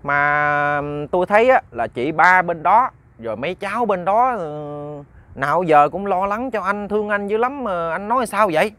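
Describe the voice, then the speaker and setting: A man's voice: sits high, lively intonation, moderate pace, fairly bright tone, no room sound, voice pushed up. A man voicing a worried, hot-tempered old village man who pleads and stammers. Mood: pleading. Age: older. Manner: pleading, then agitated and stammering.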